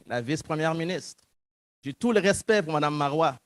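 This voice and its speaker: A guest speaker in his thirties from Montreal, Quebec, speaks with a Québécois French accent as he gives a public talk, earnestly reflecting on his own story and acting out remembered dialogue. His voice is a little high, with lively intonation at a normal pace, and there is no room sound.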